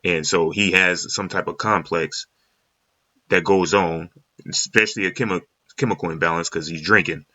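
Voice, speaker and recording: A man's voice: deep voice, fairly even intonation, normal speed, pushed and bright. A man giving blunt, slangy, casual commentary with strong opinions. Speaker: video commentator. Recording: echoey room, slightly dull sound.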